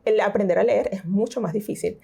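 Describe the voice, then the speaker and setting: A woman's voice: medium pitch, fairly quick, vocal fry, dark tone, slightly rough, faint music behind. A middle-aged woman, a teacher and interview guest, explaining things step by step with fillers and English school terms mixed in. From Venezuela. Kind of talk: interview conversation.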